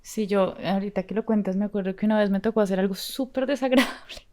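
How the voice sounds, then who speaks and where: A woman at a middle pitch speaks in a casual podcast conversation. She answers with short agreeing replies and speaks earnestly about her faith. Her delivery is conversational and sincere. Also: fast talker, darkish tone.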